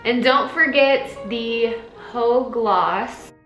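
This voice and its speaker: A woman's voice: a little high, drawn-out words, a bit bright. A playful, sarcastic woman vlogger giving casual comedic commentary as she follows a makeup tutorial. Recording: roomy sound with faint music.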